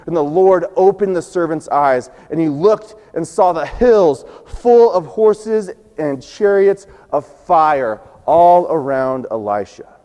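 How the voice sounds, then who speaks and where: A man preaching a sermon, telling a scripture story and acting out its quoted lines, his voice going hoarse. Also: fairly high pitch, lively intonation, slow pace, hardly any pauses, mellow, long reverb tail. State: losing his voice. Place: church sanctuary.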